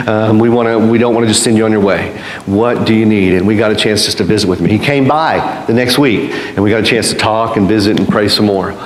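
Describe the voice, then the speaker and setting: A man with an Oklahoma accent, preaching a sermon as a pastor in an earnest, conversational way with asides to the congregation. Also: lowish voice. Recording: echoey room, distant mic, faint noise.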